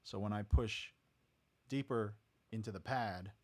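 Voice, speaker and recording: Unhurried and fairly low-pitched, a man teaches a talk box technique in a relaxed home studio tutorial. Each step gets its own explanation, punctuated by a casual "right?"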